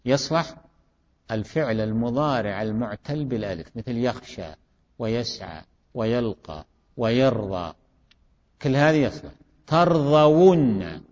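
A man's voice: medium pitch, expressive, moderate pace, long pauses, darkish tone. A male teacher gives a grammar lesson in a classroom, asking questions and repeating his students' answers. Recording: dull recording in a reverberant hall.

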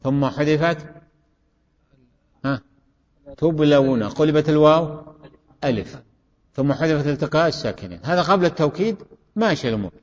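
Male teacher, drills students with questions, slightly high voice, dull recording from a classroom. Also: lively intonation, moderate pace, pauses often, darkish tone. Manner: questioning, repeats student answers. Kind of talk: classroom grammar lesson. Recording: dull recording in a reverberant hall.

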